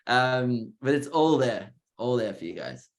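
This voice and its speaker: A man's voice: mid-range voice, unhurried. A man with an Australian accent co-hosting a live webinar. He talks energetically, urging listeners on and leaning on "like" and "just". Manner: energetic, repeats "like" and "just", salesy encouragement. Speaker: co-host.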